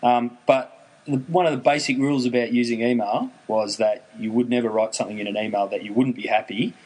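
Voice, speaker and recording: A man's voice: medium pitch, steady tone, brisk, a little mellow, slightly rough, poor audio. A man with an Australian accent hosting a casual chat, telling stories in a dry, wry way. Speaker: podcast host.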